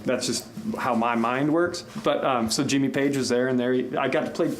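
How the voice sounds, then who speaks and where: A man in his thirties, a musician from Washington, chatting in an interview, rambling with quick restarts. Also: medium pitch, slight background noise. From Tacoma and Spokane, Washington. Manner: rambling, animated storyteller with restarts. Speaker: musician guest. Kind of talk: casual interview chat.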